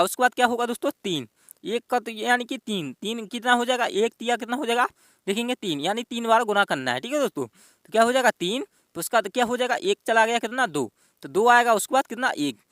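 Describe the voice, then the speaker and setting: A man's voice: extremely high pitch, a bit bright, no echo. Male exam tutor, bouncy rhetorical questioning style, dry close sound. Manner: addresses viewers as friends constantly, repeats questions to himself. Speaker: exam-prep reasoning teacher. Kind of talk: step-by-step exam lesson.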